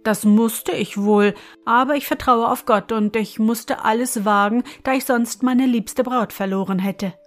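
A woman's voice: on the high side, measured pace, few pauses, soft background music, natural voice. A woman reading as an earnest young bridegroom. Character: devoted young man, brave bridegroom.

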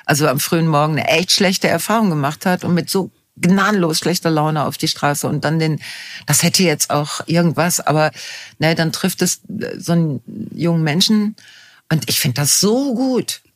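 A woman's voice: low-pitched, normal speed. Chatty, enthusiastic woman podcaster. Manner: chatty and enthusiastic, often trails off and restarts. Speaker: podcast co-host. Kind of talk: casual chat. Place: at home.

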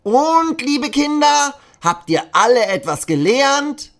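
A man voicing a cheerful male puppet jester who quizzes children in a children's audio story, in a high, loud, sing-song way. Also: big pitch swings, slow pace, full character voice. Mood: cheery, questioning.

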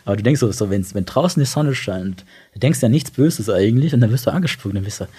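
A young man who grew up in Germany and Italy, talking about his life in a reflective, halting way with many restarts. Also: mid-range voice, expressive, dark tone, breathy edge. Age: young adult. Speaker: interview guest. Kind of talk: casual personal talk.

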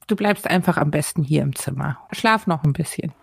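Lowish-voiced woman in casual role-play. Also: brisk, vocal fry, slightly rough, no echo, studio quality. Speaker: tabletop game player.

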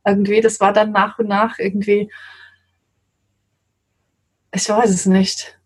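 English woman, husky, chatty. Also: medium pitch, little pitch movement, measured pace. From London, England. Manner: warm, giggly, hesitant with many fillers. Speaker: guest, translator. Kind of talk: casual interview chat.

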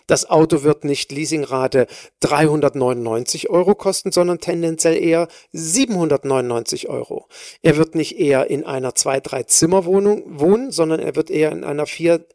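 A woman's voice: sits low, moderate pace, dark tone, dry recording, clean studio sound. A woman hosting a solo podcast, speaking as a personal trainer in an emphatic way, stressing and repeating words.

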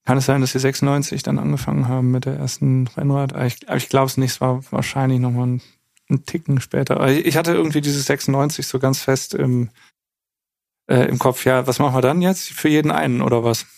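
Creaky-voiced man in casual quiz chat. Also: medium pitch, level tone, quick pace, darkish tone, no room sound, studio quality. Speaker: quiz contestant.

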